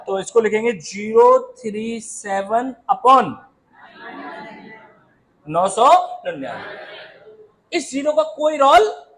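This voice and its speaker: A man teaching a math lesson in a classroom, lively and always asking the students to answer aloud, calling them "beta". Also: sits high, a little hiss or hum. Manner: calls students "beta" and "babu".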